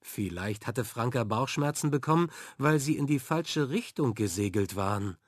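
A man narrating a children's story in an expressive, measured reading. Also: medium pitch, no room sound, studio quality. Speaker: audiobook narrator.

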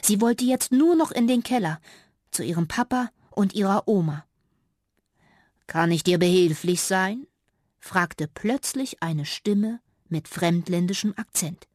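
A woman narrating a children's audiobook with lively, expressive storytelling. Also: mid-range voice, a little slow, dry recording, studio quality.

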